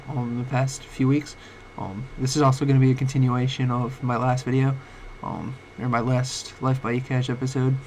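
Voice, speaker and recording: A young vlogger with a cold talks personally late at night, his medium-pitched voice cracking now and then. He rambles haltingly, full of fillers and restarts, into a home mic with rising and falling volume, with faint hiss under a rough recording.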